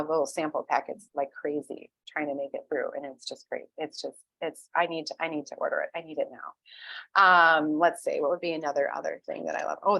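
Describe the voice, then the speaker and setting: Chatty low-voiced woman giving a tutorial. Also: vocal fry, fairly bright tone, no room sound, rough recording. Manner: chatty, filler-heavy, checks in with "okay?". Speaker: essential oil wellness advocate. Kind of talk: screen-share tutorial walkthrough.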